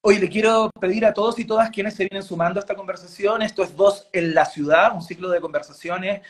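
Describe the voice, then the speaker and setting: A man's voice: sits high, fairly even intonation, brisk. A man hosting an interview, asking long, winding questions in a conversational tone. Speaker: interviewer host.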